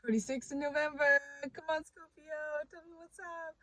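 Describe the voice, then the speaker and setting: A woman's voice: high voice, normal speed, bright, forceful tone, no echo. Rambling young woman thinking aloud. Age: 20s. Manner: rambling, thinks aloud with many fillers and restarts; playful, self-mocking. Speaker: vlogger. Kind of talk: casual chat to camera.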